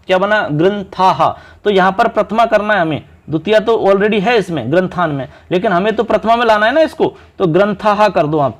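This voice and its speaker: A male Sanskrit teacher giving a brisk, chatty exam-prep lesson, calling his students friends and counting things out step by step. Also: high voice. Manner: counts out syllables slowly, stressing answers.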